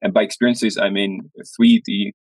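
A man answering interview questions in a very deep voice, often pausing on "uh" and repeating words. The sound is dry and close. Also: huge pitch swings, slightly rough, no echo, low-quality recording. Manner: halting, many uh fillers and repeats. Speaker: guest, studio founder.

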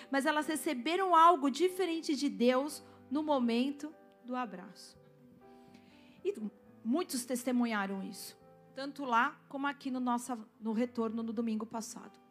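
A woman pastor preaches to her congregation, weaving a personal testimony into the sermon. Her voice sits high, and faint music plays under her words. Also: a bit bright. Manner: storytelling, asks the congregation to respond.

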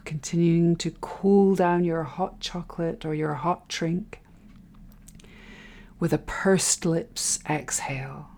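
Low, mellow woman leading a slow guided meditation. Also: fairly even intonation. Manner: soft, soothing, unhurried delivery with breathy phrase endings. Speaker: guided breathing meditation instructor.

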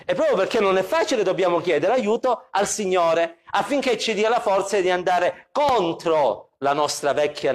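A pastor with a high voice preaches an evening sermon, delivering it expressively and repeating questions for emphasis.

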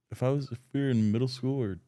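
A man in his twenties co-hosting a podcast from a home basement, joking crudely and deadpan in casual chat. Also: medium pitch, moderate pace, no room sound, clean studio sound. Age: 20s. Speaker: podcast co-host.

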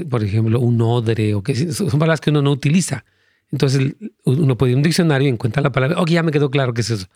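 A man's voice: medium pitch, darkish tone, no room sound, studio quality. A man, a pastor, earnestly answering callers' Bible questions, rambling with many fillers.

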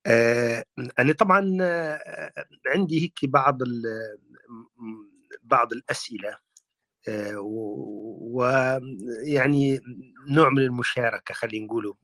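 A man with a Libyan accent, calling in to a talk show and asking questions in a measured, formal way. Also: fairly low pitch, a bit bright, no room sound. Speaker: caller.

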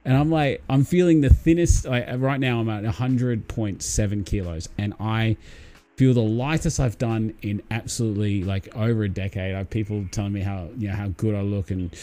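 Casting: male Australian podcast host, mellow and fairly low, blokey, casual and encouraging. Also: steady tone, moderate pace. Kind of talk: casual chat.

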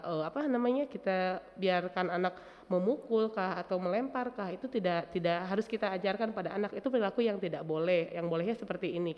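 A woman specialist giving parenting advice in an explanatory way, often acting out what parents and children say. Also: mid-range voice. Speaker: child development professional. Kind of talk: advice talk. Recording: dull sound with long reverb.

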